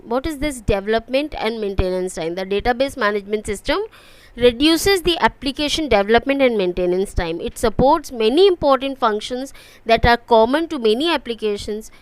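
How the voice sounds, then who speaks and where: A woman's voice: on the high side, smooth, no room sound, rough recording. A woman with an Indian English accent teaching an online computer class, explaining step by step and often checking "okay?" with her students. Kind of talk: online lecture.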